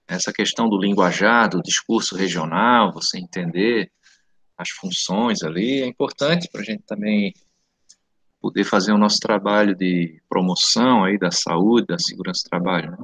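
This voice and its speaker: A man's voice: lowish voice, fairly bright tone, no echo. Santa Catarina man with slushy sh-like s. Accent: Santa Catarina Brazilian Portuguese. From Santa Catarina, Brazil. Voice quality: slushy sh sound for s. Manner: conversational, frequent checking tags. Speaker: technical course teacher. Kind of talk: informal live online lecture. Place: indoor room at home, online video call.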